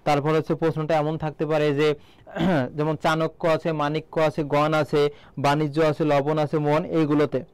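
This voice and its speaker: A man from Bangladesh gives an exam-prep lesson, firing off a question, then repeating the answer so it sticks. His voice sits a little high for a man. The recording is dry and close. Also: level tone, normal speed, clean tone, dry recording. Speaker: teacher.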